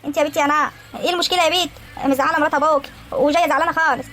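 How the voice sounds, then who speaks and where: A woman's voice: high voice, steady tone, racing, sharp tone. A woman voicing a stern old village grandmother in a cartoon, firmly scolding and praying. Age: older. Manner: scolding, firm.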